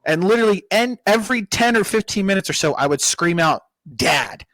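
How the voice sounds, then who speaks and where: A man's voice: high-pitched, expressive, quick pace, fairly bright tone, no echo. A young man co-hosting a podcast, telling a rowdy, profane story in casual chat and laughing often. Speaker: podcast co-host.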